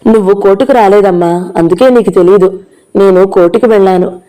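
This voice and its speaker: A woman's voice: medium pitch, brisk, mellow, natural voice. A woman reading the part of an ill young woman who speaks in a weary, resigned way, in an audio novel.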